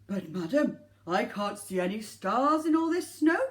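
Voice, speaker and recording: A hearty old Santa for a storybook, acted out by a woman reader. He is jolly and exclaims with big, lively swings of pitch. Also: a little slow. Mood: flustered. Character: jolly, chubby old Santa Claus, male, booming.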